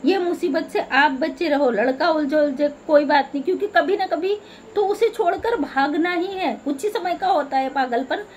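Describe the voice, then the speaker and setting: A woman's voice: sits high, normal speed, a little mellow, slight background noise. A middle-aged woman vlogger making an earnest, preachy appeal straight to her viewers, pleading and scolding by turns. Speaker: social media vlogger. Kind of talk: earnest direct-to-camera appeal.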